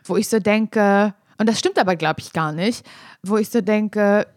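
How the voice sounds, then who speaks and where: A woman's voice: medium pitch, moderate pace, dry recording, studio quality. A young woman co-hosting a podcast, talking in a chatty, self-mocking way full of restarts. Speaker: podcast co-host. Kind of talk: casual chat.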